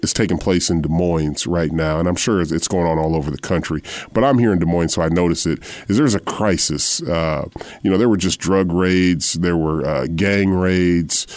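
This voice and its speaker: A man hosting a radio interview, asking earnest, measured questions with frequent "uh" fillers. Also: low voice, a little mellow, no echo. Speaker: radio show host.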